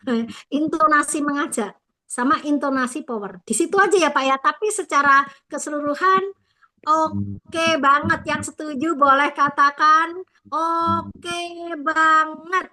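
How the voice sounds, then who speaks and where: A woman trainer leads an online sales coaching session with a high voice. Her tone is bright and ringing. She talks with lively energy, heaping praise on her team as she coaches. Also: normal speed.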